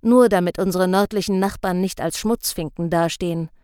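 A woman voicing a gruff, stubborn bearded male professor who grumbles and lectures. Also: on the low side, moderate pace, dark tone, dry recording, clean studio sound, lightly acted. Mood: lecturing. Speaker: field researcher.

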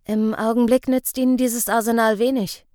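A woman voicing a calm, persuasive man. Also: fairly high pitch, moderate pace, dry recording, clean studio sound, natural voice. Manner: calm, reasoning, plainly spoken. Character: calm grown man, persuasive, steady under threat. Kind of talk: audiobook character voice.

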